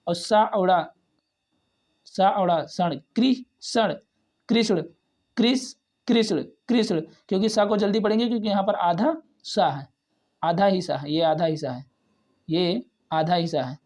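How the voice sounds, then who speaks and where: A man teaching a basic reading lesson, sounding out each syllable and repeating words several times in a slow, patient way. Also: sits high, a little mellow.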